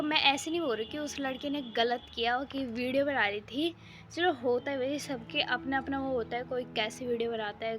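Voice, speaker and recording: A high-pitched, slightly bright voice belongs to a young woman filming a rambling daily vlog outdoors on her rooftop with a handheld phone. She chats casually, leaning on fillers, and her throat seems a bit sore.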